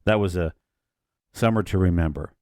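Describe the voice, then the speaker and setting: A man's voice: low voice, moderate pace, darkish tone, dry recording. A man. He co-hosts a casual podcast chat, rambling through asides and restarted sentences. The recording is close and dry. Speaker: podcast co-host. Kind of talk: casual discussion.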